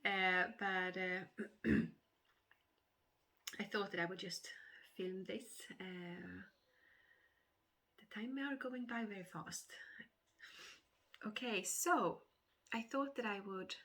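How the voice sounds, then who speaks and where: A woman with a cold, sounding a little nasal, giving a casual stitching update vlog with many hesitant fillers and throat-clearing. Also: medium pitch, fairly even intonation, takes it slowly, long pauses, sharp tone. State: has a cold, slightly nasal. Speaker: cross-stitch vlogger.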